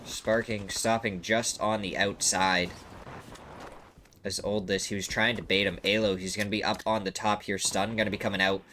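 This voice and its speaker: A man commentating live on a video game match with a congested, blocked-nose sound, excitable when the action peaks. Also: moderate pace, slight background noise. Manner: excitable, voice leaps high and loud at big moments. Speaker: esports commentator.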